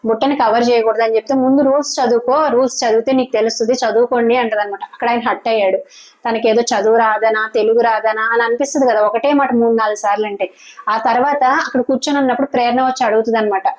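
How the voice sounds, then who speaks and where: A woman giving a casual spoken review of a reality show, retelling the arguments quickly and acting out the quoted lines. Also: fairly high pitch, low-quality recording. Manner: fast, animated retelling that acts out quoted lines.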